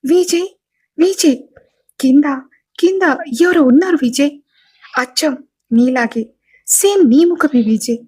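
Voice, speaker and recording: A woman's voice: on the high side, breathy edge. A woman voicing a frightened, pregnant young wife who stammers and sobs as she pleads with her husband. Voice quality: sobbing, stammering speech.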